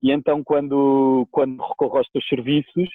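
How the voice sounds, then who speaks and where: A man's voice: mid-range voice, flat delivery, normal speed, no room sound. A man with a European Portuguese accent answering as an interview guest, casual, colloquial and wordy, over a tinny phone-like line. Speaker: guest, musician and DJ.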